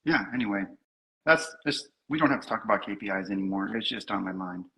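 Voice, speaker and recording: A man's voice: lowish voice, expressive, fast talker, sharp tone. A man hosting a casual chat in an informal way, often putting questions to the others. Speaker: host.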